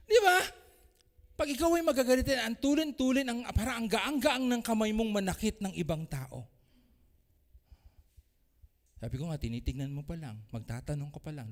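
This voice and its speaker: A man preaching a sermon as pastor, animated, swinging between loud exclamations and soft asides. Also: on the high side, brisk. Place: church. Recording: church hall with long reverb.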